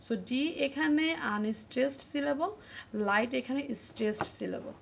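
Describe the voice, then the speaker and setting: A woman teaching English literature in a video lesson, explaining slowly and drawing out example words syllable by syllable. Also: sits high, gravelly, slight background noise. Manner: addresses viewers as friends, asks them to comment. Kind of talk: online grammar lesson.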